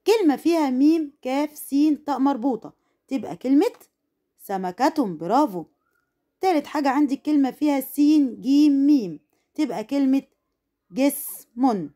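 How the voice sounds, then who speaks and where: Egyptian woman teaching slow phonics. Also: high-pitched, dark tone. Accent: Egyptian Arabic. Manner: slow, drawn-out syllable sounding with praise for pupils. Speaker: primary school teacher. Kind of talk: first-grade phonics lesson.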